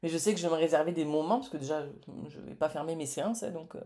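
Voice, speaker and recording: A woman's voice: low-pitched, rapid-fire, dark tone. A woman in her late thirties chatting to camera in a casual vlog, effusive and full of hesitations. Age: late 30s. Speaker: entrepreneur and vlogger.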